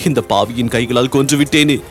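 A man's voice: medium pitch, brisk, soft background music, lightly acted. A man voicing a grieving young noblewoman who pleads through sobs. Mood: pleading. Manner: sobbing, imploring.

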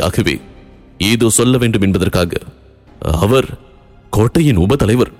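A man narrating a story in a steady, formal literary reading. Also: fairly low pitch.

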